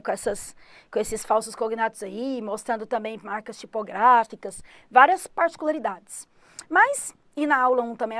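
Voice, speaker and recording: A woman with a Goiás Brazilian Portuguese accent teaches an online English lesson in a fairly high voice. She talks straight to her students and keeps repeating the key words. The sound is dry and close. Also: no echo.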